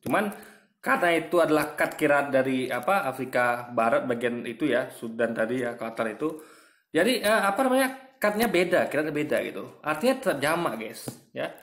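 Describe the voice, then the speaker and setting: A man's voice: mid-range voice, very animated, brisk, fairly bright tone. A man giving casual reaction commentary, explaining with everyday comparisons and often calling his viewers "guys". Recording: echoey room.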